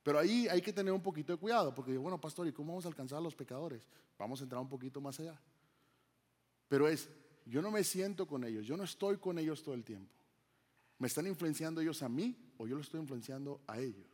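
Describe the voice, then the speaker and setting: A man's voice: fairly high pitch, lively intonation, fast talker, a little mellow, big-room sound. A man from Mexico preaching a sermon as pastor, conversational, throwing rhetorical questions to the congregation.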